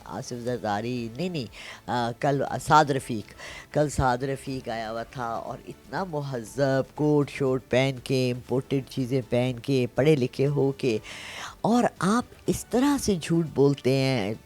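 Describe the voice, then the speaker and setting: A woman's voice: extremely low pitch, soft background music. A woman in her sixties, a palm reader, telling stories in a casual interview and often checking in with her listener. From Pakistan. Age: 60s. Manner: animated storyteller, frequent "theek hai?" check-ins.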